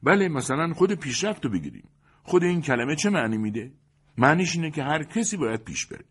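A man's voice: a little high, big pitch swings, slightly rough, voice pushed up. Man putting on a brash, nosy wedding best man. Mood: chatty. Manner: loud, pushy and mocking.

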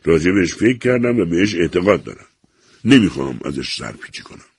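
A cold, stern old father reproaches and refuses his grown son, as a male narrator voices him in an audiobook. The voice is low, gravelly and husky. The recording is close and dry. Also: big pitch swings, heavily acted. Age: older. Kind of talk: audiobook character reading.

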